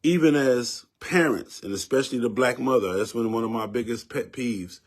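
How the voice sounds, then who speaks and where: A man's voice: medium pitch, moderate pace. A man in his fifties with a Southern US accent, giving his opinion in a casual, preachy way and repeating words for emphasis. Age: 50s. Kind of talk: casual spoken commentary.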